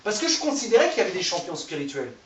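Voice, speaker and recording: A man's voice: high-pitched, sing-song, rapid-fire, fairly bright tone. Man in his thirties, informal preacher, chatty and self-mocking, heard from a distance in a roomy hall. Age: 30s. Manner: conversational, self-deprecating, jokes with the audience. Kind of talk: informal sermon. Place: church hall. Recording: echoey room, voice from far off the mic.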